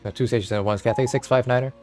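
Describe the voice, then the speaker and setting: A man's voice: mid-range voice, steady tone, very fast, darkish tone, soft background music. A man acting as air traffic controller, giving clipped radio instructions to pilots.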